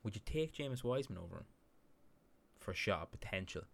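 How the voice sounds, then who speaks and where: A man's voice: fairly low pitch, expressive, brisk, vocal fry. A man co-hosting a casual sports podcast, with a rambling, filler-heavy way of breaking down games. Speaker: podcast co-host. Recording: faint background hiss.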